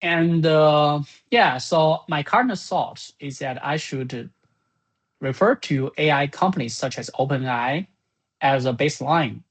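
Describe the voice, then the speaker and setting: In a mid-range voice, this software creator casually sums up business plans, pausing and working things out aloud.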